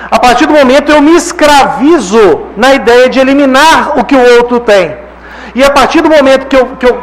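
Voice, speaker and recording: A man with a Brazilian Portuguese accent delivers a spiritist lecture in a hall. His voice sits very high for a man, and he keeps it conversational, tossing rhetorical checks to the audience. A faint hum of room ambience runs underneath.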